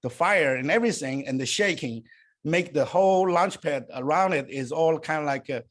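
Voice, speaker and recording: As an interview guest, an older man from Taiwan, where he was born and raised, replies in English, his second language after Chinese. His voice is on the high side, and his answers come haltingly with plenty of fillers and restarts.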